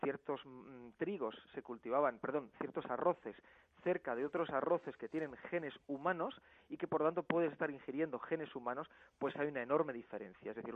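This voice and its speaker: A man's voice: medium pitch, dry recording. A man speaking as a campaign spokesman in a phone interview, arguing his case firmly. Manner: firm, argumentative. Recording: tinny phone line.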